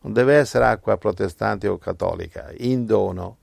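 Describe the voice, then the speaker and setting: Gravelly preacher with fiery swings. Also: male voice, moderate pace, dry recording, studio quality. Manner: impassioned, swinging from low murmurs to loud exclamations. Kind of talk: evangelical sermon.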